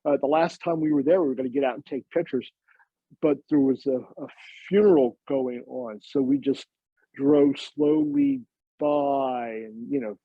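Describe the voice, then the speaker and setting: A man's voice: medium pitch, sing-song, normal speed, vocal fry, slightly rough, no echo. A middle-aged or older American man chatting casually as an interview guest. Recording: slightly dull, lo-fi sound.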